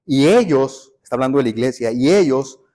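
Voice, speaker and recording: A man's voice: mid-range voice, expressive, fairly quick, dark tone. A man, preaching a sermon in a church and telling stories in a conversational way. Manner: conversational storytelling preaching, addresses listeners as brothers. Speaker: pastor. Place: church sanctuary.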